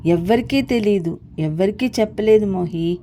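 A woman reading the part of a grieving young wife quietly confiding in a friend, in a storybook reading. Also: medium pitch, moderate pace, close to an everyday voice. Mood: sorrowful.

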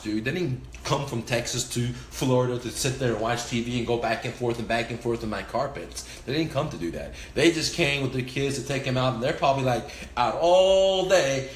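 A man's voice: medium pitch, roomy sound, slight background noise. A man in his forties, a real estate investor, giving a casual, profane, emphatic talk to the camera while gesturing with his hands. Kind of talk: casual instructional vlog. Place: indoors, small room by a window.

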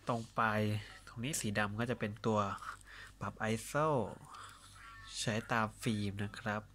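A man giving a casual hands-on demonstration of a film camera, explaining in a relaxed way with hesitant fillers and small self-corrections. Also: fairly low pitch, unhurried, slight background noise. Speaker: camera reviewer. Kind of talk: casual hands-on gear demo.

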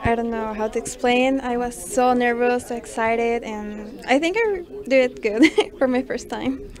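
A woman's voice: fairly high pitch, measured pace. A young woman answering interview questions hesitantly, with many fillers and giggles, at an indoor event. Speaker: model interviewee. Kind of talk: nervous casual answers. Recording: noisy crowd chatter behind.

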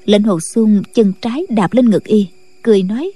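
A woman narrating a martial-arts novel in a steady, scripted late-night storytelling style. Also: medium pitch, normal speed, husky, no room sound. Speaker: audiobook narrator.

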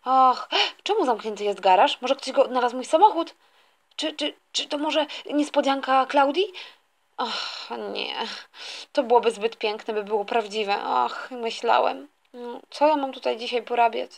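A woman voicing a bored, grumbling middle-aged father who misses his car, in a toy story with a lowered voice. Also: measured pace, gravelly. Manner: sighing, grumbling.

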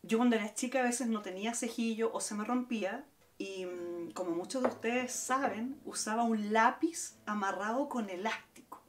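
A woman's voice: fairly high pitch, moderate pace. A woman teaching a guitar lesson, explaining step by step and counting out the strums. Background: acoustic guitar playing.

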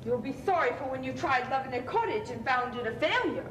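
A woman's voice: lively intonation, brisk. A woman on an amateur stage playing a stern, wealthy old aunt who scolds and lays down terms like an old tycoon. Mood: scolding. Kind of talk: amateur stage play acting. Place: theatre stage, indoors. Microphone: far camera. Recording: noisy, rumbling, echoey distant stage recording.

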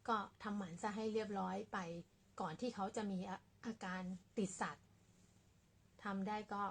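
Soft-spoken husky woman chatting. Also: medium pitch, normal speed. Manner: speaks softly and quietly to avoid disturbing neighbours; rambling and relaxed with many fillers. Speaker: cat owner vlogger. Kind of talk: casual chat to camera. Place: small apartment room indoors.

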